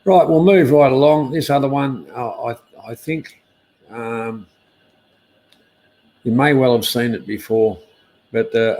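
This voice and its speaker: A man's voice: medium pitch, a little mellow. An Australian man hosting a casual live stream news chat, speaking in a laconic, hesitant, easygoing outback drawl.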